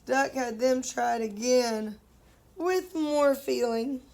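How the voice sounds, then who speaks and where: A woman's voice: high voice, slow pace, gravelly, a little mellow. A woman teacher reading a picture book aloud to children, stopping to ask them questions and playfully singing the animal noises.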